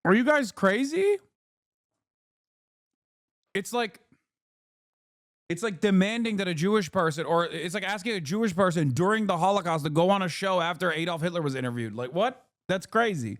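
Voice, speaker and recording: A man's voice: sits high, expressive, no echo, studio quality. A man in his thirties streaming, reacting to an interview with heated, profane, incredulous commentary. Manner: fast, profane, incredulous rants.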